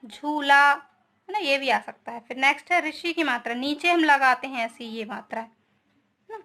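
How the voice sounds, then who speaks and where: A woman's voice: sits high, moderate pace, pushed and bright. A young woman teaching a grammar lesson, explaining step by step and often checking with her students.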